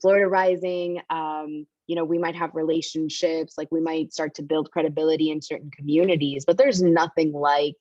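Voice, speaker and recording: A woman from Venezuela who grew up in Miami talks as a guest on a relaxed interview show. Her voice sits low, and she fills pauses with "um" and "like". The audio is dry and a bit muffled, as over a video call. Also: no echo. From Venezuela, raised in Miami. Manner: relaxed, many "um" and "like" fillers. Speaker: guest, campaign director. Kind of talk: casual interview chat.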